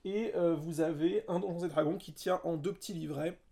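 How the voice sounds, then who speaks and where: A man with a gravelly edge to his voice talks casually on a podcast about tabletop games. He is enthusiastic and playful, tossing in quick jokes and asides. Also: a little high, dark tone. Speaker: podcast co-host.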